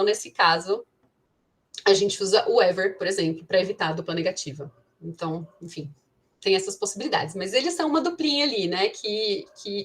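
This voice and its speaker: Woman teaching an English class. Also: medium pitch. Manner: thinks aloud with many restarts and "né". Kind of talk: online class explanation.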